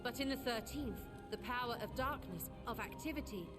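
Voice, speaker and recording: A woman voicing a composed, learned character in a fantasy video game, speaking in a measured, formal way. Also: fairly high pitch, animated, lightly acted. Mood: solemn. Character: composed, learned woman explaining arcane lore. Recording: very loud game music behind.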